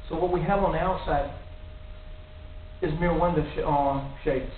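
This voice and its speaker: A man's voice: on the high side, fairly even intonation, normal speed. A middle-aged man giving an earnest sermon in a small church, speaking into a stand mic and building to emphatic warnings. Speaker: lay preacher. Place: small church room in front of a cross. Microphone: stand mic near the mouth. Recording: tinny, echoey, distant with faint hiss.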